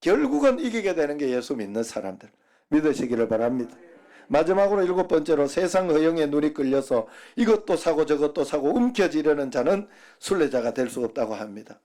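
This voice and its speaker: A man's voice: fairly high pitch, big pitch swings, brisk, dark tone. A middle-aged man preaching a Sunday sermon, folksy and humorous, telling dialect jokes to the congregation. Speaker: pastor.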